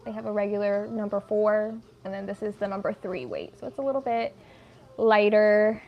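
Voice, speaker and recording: A woman's voice: mid-range voice, moderate pace, lo-fi sound. A woman hosting a casual at-home livestream, chatting while she crochets, rambling and easily sidetracked, with a lot of "like". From United States. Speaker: livestream host.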